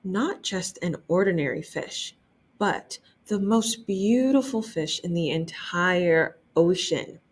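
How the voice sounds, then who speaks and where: A young woman librarian reading a picture book aloud for children, enthusiastic and gently expressive, stopping to remark on the pictures. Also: lowish voice, slow, breathy edge. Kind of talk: storytime read-aloud.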